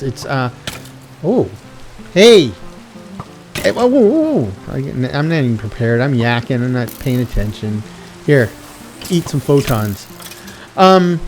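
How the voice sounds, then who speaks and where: This American video game streamer, middle-aged, has a fairly high yet darkish-toned voice. He rambles casually and at length, wandering off track, correcting himself and reflecting along the way.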